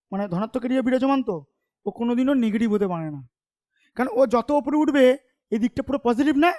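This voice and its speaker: A male commerce tutor giving an informal classroom lecture, talking to students in a familiar, teasing way and often asking if they follow. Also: very high-pitched. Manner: chatty, keeps checking understanding with quick questions.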